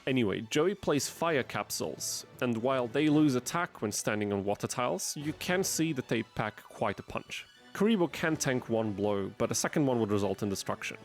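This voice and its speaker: Male game-channel narrator, mid-pitched, deadpan wry commentary over faint music. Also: moderate pace, hardly any pauses. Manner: wry, dry asides. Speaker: gaming video narrator. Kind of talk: scripted gameplay commentary.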